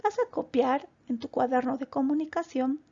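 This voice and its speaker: A woman teaching a grammar lesson to children, explaining slowly and deliberately and addressing them directly. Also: sits high, lively intonation, vocal fry, mellow, lo-fi sound. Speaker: primary school teacher.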